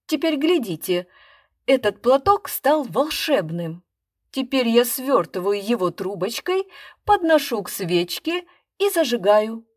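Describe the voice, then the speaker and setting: A woman's voice: fairly high pitch, big pitch swings, unhurried. A woman voicing a nervous, shabby male stage magician with a trembling, apologetic patter. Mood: showman patter.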